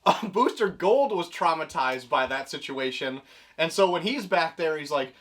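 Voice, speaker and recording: A man's voice: a little high, lively intonation, moderate pace, a bit bright. A man co-hosting a casual comic-book review chat, making dry sarcastic asides and laughing often. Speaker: podcast co-host.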